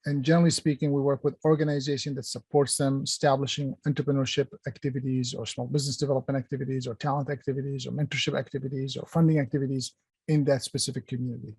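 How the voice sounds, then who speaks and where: Middle-aged male workshop presenter from Palestine, mid-pitched and chatty, full of fillers, speaking on a dry close mic. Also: flat delivery, fast, a little mellow, slightly rough, dry recording. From Palestine, raised in Kuwait. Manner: conversational, many fillers and restarts, addresses chat. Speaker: workshop presenter, company founder.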